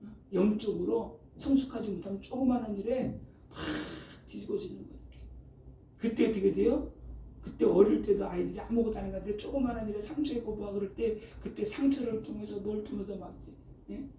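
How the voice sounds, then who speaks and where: Middle-aged guy preaching in a church, mellow dark voice, keeps tossing out "eh?" to the crowd. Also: sits high, a little fast, slight background noise. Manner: frequent rhetorical "어?" and "예?" prompts to the congregation. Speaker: pastor. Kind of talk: sermon. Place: church sanctuary. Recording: echoey room, mic at a distance, faint ambience.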